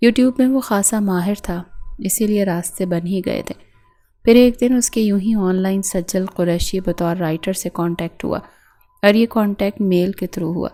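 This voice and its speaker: Mellow-voiced woman reading a romance novel. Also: mid-range voice, fairly even intonation. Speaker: novel narrator. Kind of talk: scripted narration.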